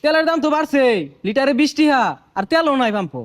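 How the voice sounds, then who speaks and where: Accusing bystander played by a man; brisk, lilt. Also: very high voice, lively intonation. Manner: questioning, accusing. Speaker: suspicious bystander in a comedy skit. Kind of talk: comic sketch acting.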